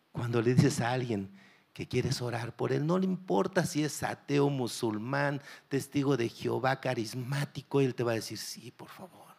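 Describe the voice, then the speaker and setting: Male pastor, middle-aged, mid-pitched voice, emphatic exhorting sermon delivery. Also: vocal fry. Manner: emphatic preaching, exhorting listeners directly.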